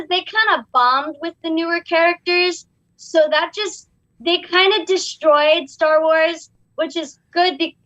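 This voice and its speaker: A young woman chats casually, giving opinions in a hesitant, rambling way. Her voice is high-pitched and fairly bright, and the recording sounds dull and roomy.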